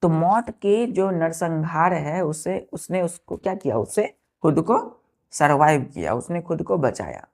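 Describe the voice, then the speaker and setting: A woman's voice: deep voice, big pitch swings, a little slow, darkish tone. A woman teaching a vocabulary lesson, addressing students as children and spelling words out letter by letter. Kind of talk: classroom lesson.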